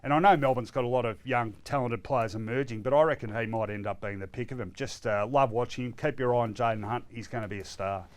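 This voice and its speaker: A middle-aged Australian man co-hosting a football chat show, relaxed and conversational. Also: medium pitch, fast, hardly any pauses. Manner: relaxed, conversational, easy laugh. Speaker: co-host. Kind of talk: casual sports chat.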